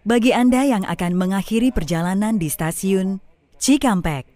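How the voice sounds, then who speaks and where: A woman giving a formal, polite train announcement over an onboard loudspeaker, measured and evenly paced. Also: medium pitch. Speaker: recorded station announcer.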